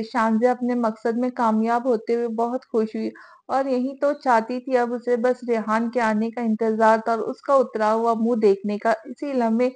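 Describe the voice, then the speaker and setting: A woman narrating a romance novel aloud in a steady storytelling manner. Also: a little high.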